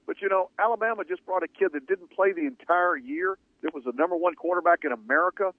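A man's voice: fairly high pitch, dry recording. A man hosting sports talk radio, talking in an opinionated, conversational way, heard through a fuzzy, distorted radio signal. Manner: opinionated, conversational, rhetorical questions. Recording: tinny distorted AM radio broadcast, dry.

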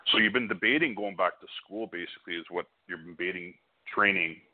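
Muffled, band-limited audio carries a man with a low voice. He gives a psychic hotline reading in a reassuring manner, often seeking the listener's agreement. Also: a little fast. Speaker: phone-in psychic medium.

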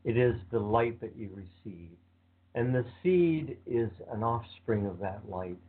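Calm man guiding a meditation, tinny sound. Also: lowish voice, slightly rough. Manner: slow, calm, soothing instructions. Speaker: meditation guide. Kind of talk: guided visualization meditation.

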